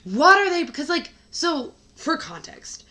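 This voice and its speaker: A woman podcast co-host with a hoarse, scratchy smoker's rasp, chatting casually and wryly about a book. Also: sits high, very animated, unhurried, pushed and bright. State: hoarse after flu.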